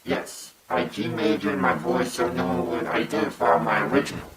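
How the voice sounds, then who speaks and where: A man speaking through a pitch-shifted disguised deep voice, deadpan and mock-mysterious in casual comedic banter. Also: moderate pace, over music. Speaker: co-host of a reaction video.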